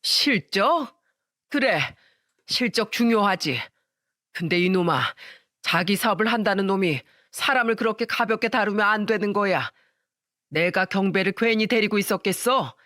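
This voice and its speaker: A woman's voice: medium pitch, normal speed, a bit bright, no room sound, clean studio sound, natural voice. A woman reading the part of an angry older father-in-law who scolds his son in a raised voice, as in a story reading. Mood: stern lecturing.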